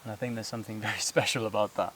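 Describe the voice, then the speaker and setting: A man with a fairly low voice vlogs on a steep hillside trail, out of breath from the climb. He rambles in a loose, casual way, full of fillers and quick laughs. A faint buzz of insects hangs behind him. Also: steady tone, a bit bright, a little hiss or hum. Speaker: vlogger. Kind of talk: casual talk to camera while hiking. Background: buzzing insects.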